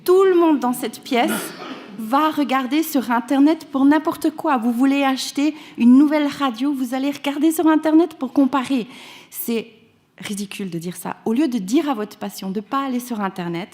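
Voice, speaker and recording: A woman's voice: high voice, moderate pace, a little mellow. A woman from Canada giving a conference talk as a patient advocate, speaking earnestly and with emphasis, often restarting her phrases. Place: conference hall.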